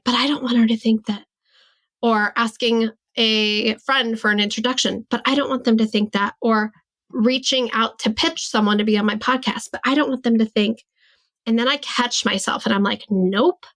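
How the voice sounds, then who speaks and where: A woman in her forties talks alone on her podcast in a relaxed, candid way, her voice sitting a little higher than most women's. She thinks aloud, leans on "like" as a filler, and slips into a brighter tone whenever she quotes her own worries. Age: 40s. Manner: reflective, candid, many "like" fillers. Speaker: podcast host and business coach. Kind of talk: casual solo podcast monologue.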